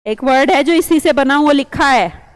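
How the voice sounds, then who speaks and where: A woman's voice: high voice, moderate pace, no room sound, rough recording. A woman teaching an online vocabulary lesson, chatty and coaxing, quizzing students with memory tricks.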